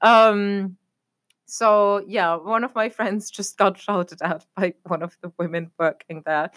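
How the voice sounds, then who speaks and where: Young adult woman from Germany, podcast co-host, casual rambling chat full of fillers, middle pitch. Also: steady tone, slow pace, fairly bright tone. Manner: rambling, leans on fillers like "obviously" and "a whole thing".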